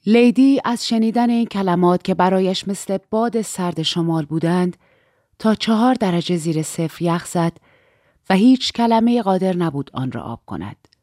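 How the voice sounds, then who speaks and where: Low-voiced woman reading an audiobook. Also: expressive, dark tone, no room sound, clean studio sound. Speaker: narrator. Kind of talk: scripted audiobook narration.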